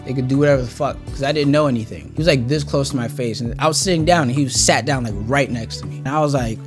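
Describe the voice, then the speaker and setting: A man's voice: medium pitch, fast talker, music in the background. A man in his twenties casually telling a rambling, profane storytime tale to camera. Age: 20s. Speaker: vlogger.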